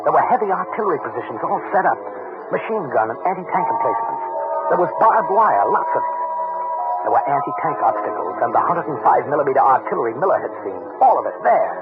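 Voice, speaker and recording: An actor playing a plain-spoken American wartime secret agent in an old-time radio drama, with hard-boiled delivery. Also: male voice, medium pitch. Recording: narrow tinny vintage radio, loud music.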